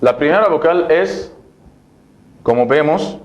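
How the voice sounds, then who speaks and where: A man's voice: on the high side, expressive, measured pace, highs cut off, a little hiss or hum. A man teaching Arabic letters in a recorded lesson. He explains step by step, asks and answers his own questions, and says each syllable again and again for the learner to copy.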